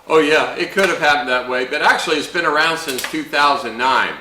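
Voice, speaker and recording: A man's voice: on the high side, brisk, sharp tone, echoey room, far from the mic, slight background noise, poor audio. A man hosting a home bar show, walking through a drink recipe in a folksy, chatty way with playful pirate slang. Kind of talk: casual drink-making tutorial.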